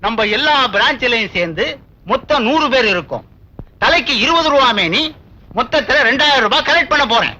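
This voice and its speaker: An actor playing a scheming office worker who rallies colleagues against a rival. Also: male voice, very high voice, expressive, brisk, pushed and bright, exaggerated voice. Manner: conspiratorial, wheedling. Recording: dull old film soundtrack.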